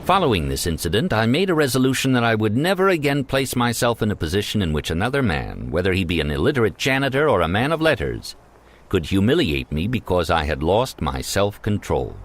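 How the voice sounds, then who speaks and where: A man narrating a self-help story in a measured, earnest way. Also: fairly low pitch, very animated.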